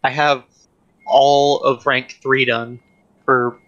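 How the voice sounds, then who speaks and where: A man's voice: mid-range voice, slow pace, muffled recording. A man playing a tank game with a friend on stream, talking in a hesitant, casual way with many fillers. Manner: hesitant, lots of ums and restarts, flat delivery. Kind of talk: casual gaming chat.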